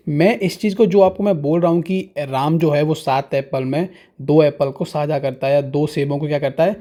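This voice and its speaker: Patient man teaching, mellow voice. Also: a little high. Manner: slow, patient, asks questions and answers them himself. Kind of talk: explaining fractions to students.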